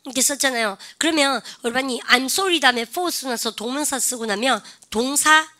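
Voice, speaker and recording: A middle-aged woman teaches English grammar to a classroom. Her voice is fairly high and very bright. She keeps things lively, drilling students with quick call-and-response prompts. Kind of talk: classroom lecture.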